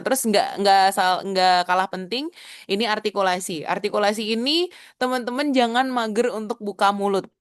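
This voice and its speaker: A woman's voice: mid-range voice, no echo, studio quality. A young adult woman, a public speaking coach, teaching a casual webinar lesson over a video call. She mixes in English phrases and demonstrates vocal techniques.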